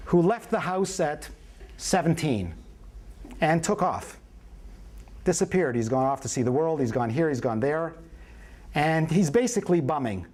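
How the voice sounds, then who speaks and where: A man lecturing a live prenatal class, his voice sitting a little high for a man. He teaches like a storyteller, folksy and playful, and keeps checking in with the room. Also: darkish tone.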